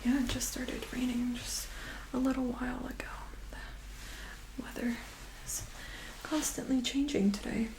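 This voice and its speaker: A woman doing a soft, breathy whispered role-play of a medical exam, with a gentle, calm, reassuring nurse-like manner. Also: fairly high pitch, a little hiss or hum, low-quality recording. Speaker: ASMR performer playing a medical examiner.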